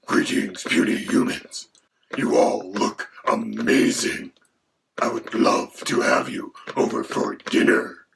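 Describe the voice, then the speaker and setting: A man doing a gravelly whispering dragon. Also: lowish voice, steady tone, slow pace, exaggerated voice. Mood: menacing. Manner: mock-menacing, then lecturing in turn with the host. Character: gravelly menacing male dragon, co-host. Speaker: co-host. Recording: background noise.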